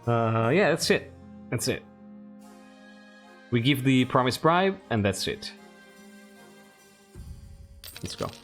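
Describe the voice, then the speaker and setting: A man's voice: medium pitch, expressive, a little slow, fairly bright tone, soft background music. A man playing a game, casually commenting and reading game text aloud, often repeating his phrases. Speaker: game player and host commenting while playing.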